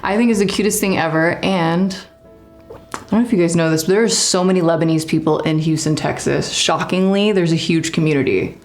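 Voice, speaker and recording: A woman makeup artist narrating a tutorial in a calm, instructive way, with playful teasing. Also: fairly low pitch, a little fast, faint music behind.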